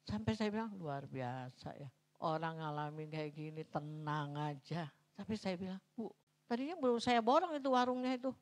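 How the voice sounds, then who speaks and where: A middle-aged woman pastor from North Sumatra preaches a sermon in church, telling stories that swing from hushed asides to loud, dramatic peaks. Her voice is lowish and her pace moderate.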